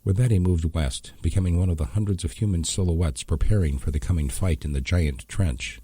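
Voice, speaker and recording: A man narrates an audiobook in a steady, grave read. His voice is very low and dark, with a husky grain. The sound is close and dry. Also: brisk, dry recording. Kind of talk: scripted narration.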